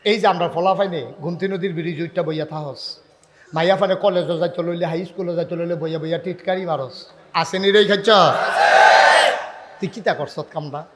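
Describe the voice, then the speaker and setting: High-voiced fiery preacher. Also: male voice, steady tone, fairly quick, crowd noise, noisy background. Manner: fiery, shouting, rhetorical questions. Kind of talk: Islamic sermon.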